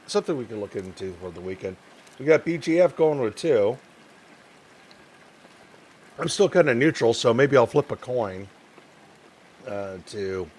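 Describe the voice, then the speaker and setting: A young man talks over a game stream at a desk mic, his pitch sitting in the middle range for a man. He sounds tired and low-key, rambling and trailing off while he chats with viewers. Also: a little mellow, slight background noise. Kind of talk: casual game stream commentary, reading dialogue aloud.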